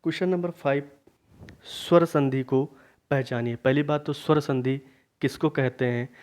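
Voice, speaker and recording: A man teaching a grammar lesson for exam preparation, asking questions and then answering them himself, repeating key points slowly. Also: mid-range voice, steady tone, a little mellow. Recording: dull lo-fi recording.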